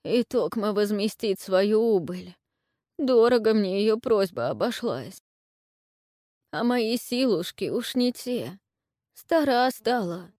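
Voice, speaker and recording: A woman voicing a frightened, wheedling old witch with a shrill, wailing manner and folksy speech. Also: expressive, slow pace, mellow, dry recording, clean studio sound. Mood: pleading.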